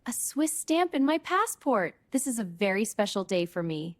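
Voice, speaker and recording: A woman playing an excited young tourist, narrating a beginner English lesson with very slow talking in short simple sentences. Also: mid-range voice, no room sound, lightly acted. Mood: calm wonder.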